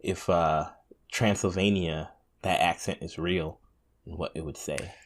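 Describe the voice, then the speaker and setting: A man's voice: low-pitched, fairly even intonation, a little slow. A man co-hosting a casual gaming podcast, goofing around with jokes and silly bits. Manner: goofy, bursts into silly voices and jokes. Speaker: podcast co-host.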